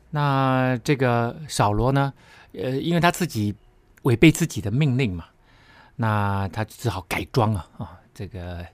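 A man's voice: on the low side, dry recording. A man teaching a Bible study lesson, explaining step by step with frequent tag particles and emphatic asides.

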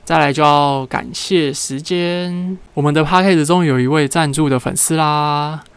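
A man's voice: fairly high pitch, fairly even intonation, moderate pace, clear, resonant tone, dry recording. A young man hosting a casual solo podcast, telling everyday stories and acting out what people said. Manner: chatty storyteller who acts out what people said. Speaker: podcast host.

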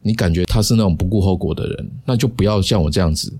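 A man hosting a casual solo podcast, chatty and sprinkled with drawn-out particles. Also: deep voice, darkish tone, breathy edge. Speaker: podcast host.

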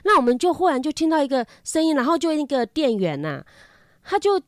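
A woman's voice: brisk, no room sound, clean studio sound. Chatty Taiwanese woman telling a story. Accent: Taiwanese Mandarin. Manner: animated, repeats words, lively pitch jumps. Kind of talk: casual storytelling chat.

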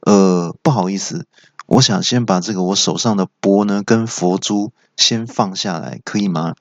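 A calm, unhurried monk fighter, as a male storyteller plays him, speaking politely with a dry deadpan wit and a slightly lowered voice. The audio is dry and slightly dull. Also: dry recording. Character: calm, dryly witty monk-like fighter, a man.

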